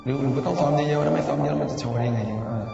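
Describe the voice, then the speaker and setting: A man's voice: fairly high pitch, fairly even intonation, very fast, creaky, mellow. Young man teasing in a roomy room. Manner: teasing, big-brotherly advice. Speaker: departing contestant. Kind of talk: casual farewell message. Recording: roomy, distant, muffled with music. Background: music.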